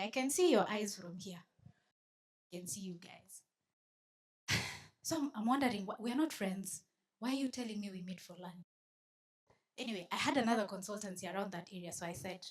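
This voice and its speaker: A Kenyan woman giving a storytelling talk to a live audience at a conference, switching between English and Swahili and teasing the crowd. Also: fairly high pitch. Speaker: conference speaker. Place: conference venue.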